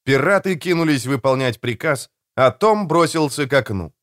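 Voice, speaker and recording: A man narrating an audiobook with expressive storytelling. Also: medium pitch, moderate pace, no echo, studio quality. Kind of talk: scripted narration.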